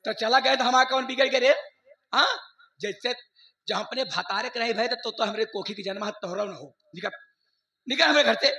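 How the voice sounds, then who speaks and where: A man playing a furious, shrieking village mother in a folk stage play, with a gravelly, shrill voice. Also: a little fast, full character voice. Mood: scornful. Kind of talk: live folk stage theatre. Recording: loud stage noise behind.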